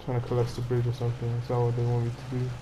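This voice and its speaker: A man's voice: medium pitch, completely flat delivery, very fast, noisy background. A man giving live gameplay commentary, frustrated and swearing at the game as he plays. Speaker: gamer playing on stream.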